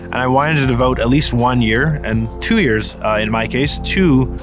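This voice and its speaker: A man's voice: mid-range voice, normal speed, music in the background. A young man from Northern Virginia, a seminary student, giving a casual, thoughtful testimonial. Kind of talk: personal testimonial.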